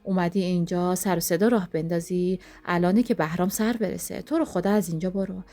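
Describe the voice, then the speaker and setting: A woman's voice: on the low side, fairly even intonation, warm tone, natural voice. A woman voicing a firm, protective older sister in an audio story. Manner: firm, scolding.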